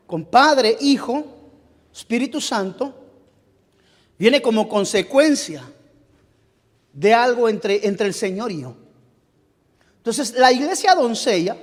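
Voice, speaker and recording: A male pastor with a Guatemalan Spanish accent preaching a sermon, often pausing to search for the right word and calling his listeners "beloved brother". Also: extremely high pitch. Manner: halting, searches aloud for words and restarts phrases. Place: church sanctuary. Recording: long reverb of a church hall.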